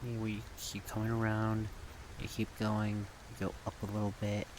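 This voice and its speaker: A man with a deep, unhurried, soft-spoken voice rambles casually about a project as an ASMR creator. Steady rain-like noise runs behind him.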